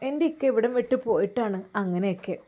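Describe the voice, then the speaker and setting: A woman voicing a gentle, consoling young pregnant wife who speaks in a soothing, pleading way. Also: mid-range voice, expressive, fast talker, close to an everyday voice.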